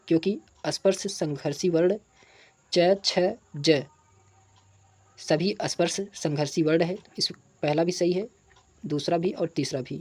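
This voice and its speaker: A man teaching an exam prep lesson. He reads each past question, then states and repeats the answer and explains it, spelling out sounds and examples slowly. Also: a little high, darkish tone.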